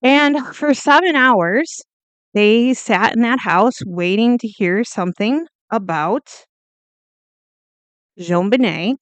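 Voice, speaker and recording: Blunt, chatty woman with a smooth, clear voice. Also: on the high side, animated, slow pace, dry recording. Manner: blunt, chatty, swears, goes off on tangents. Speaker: true crime video host. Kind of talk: casual true crime commentary.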